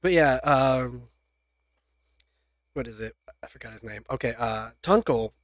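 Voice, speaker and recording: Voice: medium pitch, measured pace, dry recording, clean studio sound. A game master narrating a tabletop role-playing game in a casual chat, laughing often between lines. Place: home streaming setup.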